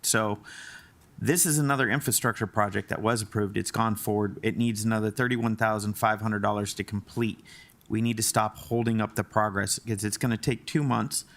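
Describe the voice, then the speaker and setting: A man speaks at a town commission meeting with a low, gravelly voice. He keeps his pitch flat. He makes his case bluntly and emphatically. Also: fairly quick. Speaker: town commissioner, former mayor. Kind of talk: meeting debate.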